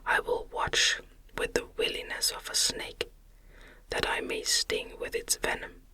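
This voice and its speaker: In a muffled, breathy ASMR whisper, a narrator gives voice to a miserable, revenge-driven male monster out of a gothic tale, his archaic speech grand and threatening. The pace is measured and the tone pushed and bright, full of anguish and vengeance.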